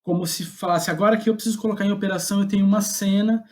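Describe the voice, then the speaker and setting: On a podcast, a playwright with a Brazilian Portuguese accent speaks as a guest, thoughtfully groping for his words in a halting way. His voice sits high, steady in tone and a little mellow.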